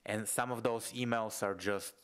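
This entrepreneur and online business coach, a young man from Bulgaria, has a lowish, smooth, slightly bright voice with a steady tone and normal pacing. His Bulgarian-accented video lesson is loose and casual, full of "like." He records indoors at home with a studio microphone placed close before his face.

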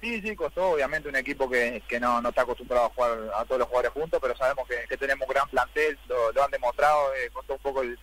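Fast-talking Uruguayan man, mid-pitched voice. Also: a bit bright, rough recording. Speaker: footballer being interviewed. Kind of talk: post-match interview answers.

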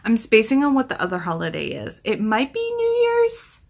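Her high-ish, gravelly voice swings hugely in pitch at a moderate pace. This woman in her thirties is a book vlogger talking casually to camera indoors in a small room at home, thinking aloud as she rambles and corrects herself.

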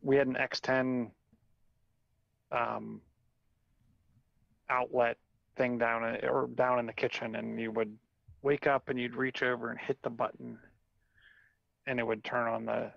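A man in his forties co-hosting a podcast from a home office over a video call, chatting in a relaxed, meandering way. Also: medium pitch, a little slow, creaky, pauses often, no room sound. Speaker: podcast co-host. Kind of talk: casual chat. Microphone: remote video call. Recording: dull lo-fi call audio.

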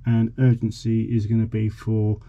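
A vlogger in his forties demonstrates a boat radio, explaining it informally and a little hesitantly. His voice is lowish and mellow, delivered completely flat at a moderate pace. The audio sounds lo-fi, with clearly noticeable background noise.

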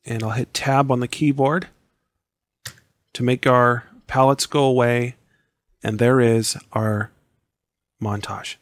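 Casual tutorial narrator, male, mid-pitched, scratchy and hoarse, close dry sound. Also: fairly even intonation, slow pace, pauses often, dry recording. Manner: casual, step-by-step explaining. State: hoarse, losing his voice. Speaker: software tutorial instructor. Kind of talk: screen-recorded tutorial voice-over.

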